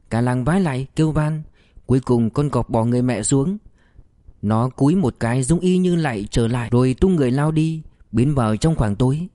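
A man narrates a story for an audiobook, with measured, expressive pacing. His tone is mellow and darkish and middle in pitch. The sound is dry and close, with no room around it. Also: dry recording.

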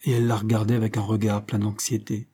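Mellow male audiobook narrator. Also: fairly low pitch, flat delivery, fast, slightly rough. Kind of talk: scripted literary narration.

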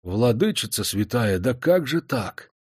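A man voicing a pious old factory master who whispers in hushed alarm. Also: mid-range voice, very animated, a little slow, husky, dry recording, studio quality.

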